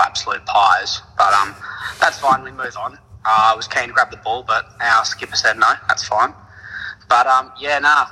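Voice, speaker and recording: A man's voice: medium pitch, sharp tone, husky, long reverb tail, rough recording. An Australian man, a club cricketer on a call, chatting casually in a slangy, blokey way like an Aussie tradie. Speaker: club cricketer phoning in as interview guest. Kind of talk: casual, laid-back Aussie bloke chat.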